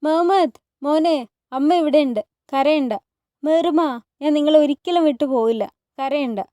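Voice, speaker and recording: A woman's voice: sits high, normal speed, mellow, no echo, studio quality, pitched above the performer's own voice, natural voice. A woman voicing a young mother in a palace, calling out to her crying children in an emotional, pleading way.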